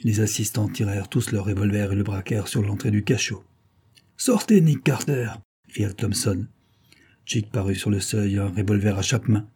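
Mellow, husky male narrator. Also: lowish voice, little pitch movement, a little fast. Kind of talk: audiobook narration.

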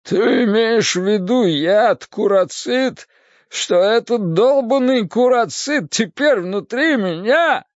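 A man voicing a dazed, poisoned crook in an audiobook, who talks in a slow, slurred, whining drawl. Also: medium pitch, creaky, darkish tone, clear, resonant tone, no echo, full character voice. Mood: panicked, disbelieving. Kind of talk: audiobook character voice. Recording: dull, dry audiobook recording.

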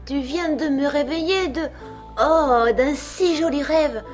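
A woman's voice: sits high, takes it slowly, faint music behind, pitched above the performer's own voice. Alice, a chatty young girl, as a woman reads her. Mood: dreamy. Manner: lively, scolding her cats fondly.

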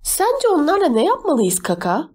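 A woman's voice: very high-pitched, huge pitch swings, normal speed, a little mellow, pitched above the performer's own voice, exaggerated voice. A woman voicing a bossy, spoiled young girl who talks down to everyone with a sneer in her words. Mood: scornful bossy. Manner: sneering, demanding.

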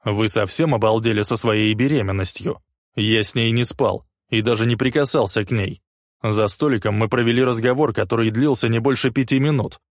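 A man doing a gruff, defiant tough guy. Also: medium pitch, takes it slowly, few pauses, no room sound, clean studio sound, voice pushed up. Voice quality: gruff, barking. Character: angry defiant male suspect, tough and blunt.

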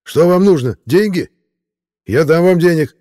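A man's voice: lowish voice, moderate pace, mellow, lightly acted. A man voicing a sneering hitman in an audiobook. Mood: panicked. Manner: gloating, then panicked pleading. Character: menacing bearded male hitman, gloating. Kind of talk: audiobook character reading.

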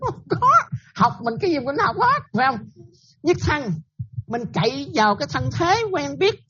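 A woman's voice: high-pitched, sing-song, moderate pace, a bit bright, lo-fi sound. A Buddhist nun giving a dharma talk, often checking that her listeners follow and repeating her points.

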